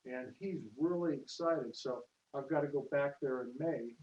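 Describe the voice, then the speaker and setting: A man's voice: medium pitch, moderate pace. A man telling stories in a rambling, casual way, quoting people in raised voices as he speaks to a room at an open house. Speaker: network marketer. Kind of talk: casual testimonial talk. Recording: distant roomy lo-fi livestream with hiss.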